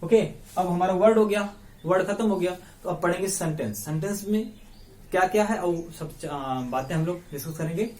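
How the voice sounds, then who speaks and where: A man teaching English grammar in a classroom-style lesson. He breaks words into syllables slowly, repeats them, quizzes his listeners and calls them his brothers. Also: sits high, darkish tone, distant mic. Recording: echoey room, voice off the mic.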